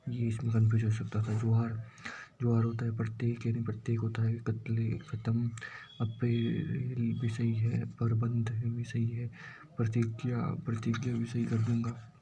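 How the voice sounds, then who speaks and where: A man with a Rajasthani Hindi accent runs through lists of correct and incorrect spellings for an exam. His voice is dark and gravelly and barely moves in pitch, and he mutters some words under his breath. Faint noise sits behind the recording. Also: monotone, measured pace. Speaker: exam coaching teacher. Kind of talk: exam-prep word drill.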